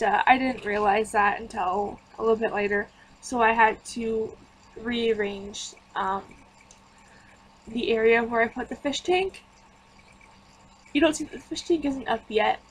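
A gaming YouTuber gives casual voice-over for a home-building game, tired and chatty, drifting from thought to thought. Her voice is on the high side, and the rough recording has a little hiss or hum.

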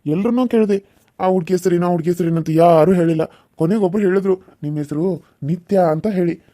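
A man's voice: high voice, a little fast, mellow, close to an everyday voice. A man voicing a lovesick, boastful young suitor in a cartoon serial, talking eagerly. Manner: eager fawning.

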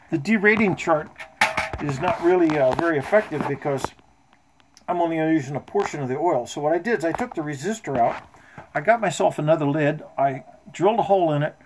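This amateur radio enthusiast, a man in his seventies, speaks with a fairly high voice as he walks through his self-built radio setup indoors at his home workshop. The tone is informal and practical, and there's noticeable background noise.

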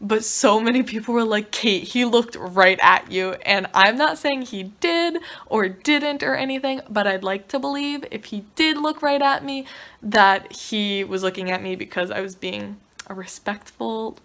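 A young woman vlogger telling a story in a casual, excited way, swearing freely. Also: on the high side, normal speed. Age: young adult.

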